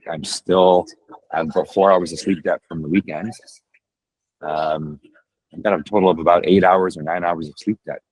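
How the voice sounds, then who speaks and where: Emotional deep-voiced man on a video call. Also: slightly rough, no room sound, poor audio. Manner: candid, halting, emotional, with fillers. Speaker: host of a morning group call. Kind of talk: emotional personal sharing.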